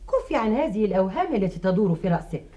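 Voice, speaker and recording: Lady doing a curt bossy mom, quick, up and down tone. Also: medium pitch, very animated, mellow, lightly acted. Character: stern, secretive mother.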